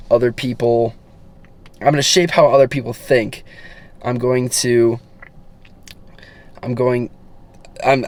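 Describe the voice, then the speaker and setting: A teenage boy turning eighteen, talking casually and earnestly to his viewers, rambling with many fillers and restarts. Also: mid-range voice. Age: teens. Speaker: fitness vlogger. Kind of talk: casual talk to camera.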